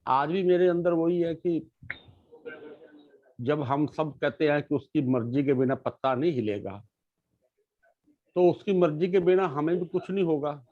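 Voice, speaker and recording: A middle-aged man, a guest sharing his life story in casual conversation, reflective and earnest, often pausing and restarting. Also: a little high, no echo. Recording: dull lo-fi sound.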